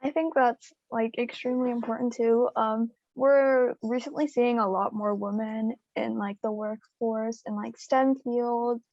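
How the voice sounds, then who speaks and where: A woman's voice: on the high side, fairly even intonation, measured pace, few pauses, no room sound, lo-fi sound. A young woman conducting an informal interview in a hesitant, casual way, with many filler "likes".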